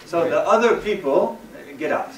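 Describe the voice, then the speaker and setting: A man from the West Coast of the United States giving a lively, joking stage presentation in plain, simple English. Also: sits high, moderate pace, heavy background noise. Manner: lively, jokey, simple English for a Japanese audience. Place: large hall, recorded from afar. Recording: echoey hall, far from the mic.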